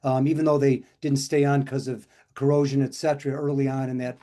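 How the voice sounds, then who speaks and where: A man's voice: medium pitch, level tone, a little fast, mellow. An older man co-hosting a casual chat, telling stories in a rambling way with many restarts and fillers. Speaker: co-host.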